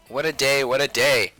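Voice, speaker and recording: A man hosts a casual drawing livestream as a sketch artist, playfully chatting with viewers and talking to himself while he works. His mid-range voice sounds pushed and bright.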